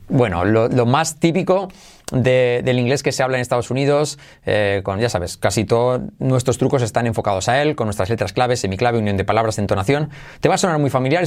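Energetic male English teacher from Spain. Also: medium pitch. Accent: Spain Spanish. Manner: energetic, repeats English phrases slowly for practice. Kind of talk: online English lesson for Spanish speakers.

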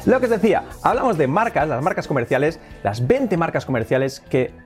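A man from Spain with a Spanish accent, hosting a casual video lesson, animated and laughing often as he switches between Spanish and English. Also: a little high, brisk, soft background music. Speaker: English teacher, channel host.

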